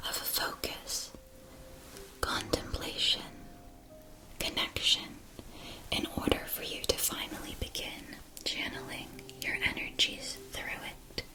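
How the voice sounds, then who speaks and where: A woman performs a scripted ASMR fantasy roleplay as a wand seller, using formal shopkeeper patter. She speaks softly and deliberately in a slightly high voice, and the recording is rough.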